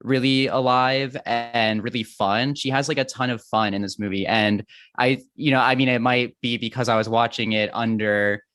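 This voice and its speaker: Male podcast guest, mid-range pitch, dry close sound; eager and chatty, quick to laugh. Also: fairly even intonation, fairly bright tone, clean tone, no room sound. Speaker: podcast guest, film critic. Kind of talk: casual film discussion.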